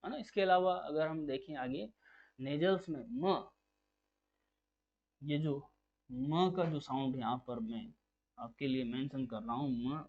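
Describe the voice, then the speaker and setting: A man's voice: medium pitch, slow pace, long pauses. Man teaching phonetics, dull recording. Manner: patient, repeats key terms as questions to drill them. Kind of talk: exam-prep lecture.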